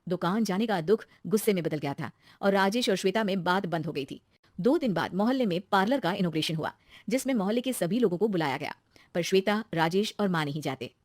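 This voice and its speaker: A woman narrating a scripted cartoon story for kids with brisk, clear storytelling. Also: medium pitch, lively intonation, no echo, studio quality.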